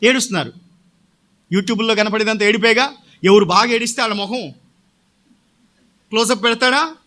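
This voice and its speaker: A man preaches with a strikingly high, very bright voice. He questions his listeners again and again and then gives the answer himself, as a pastor in full sermon. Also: normal speed.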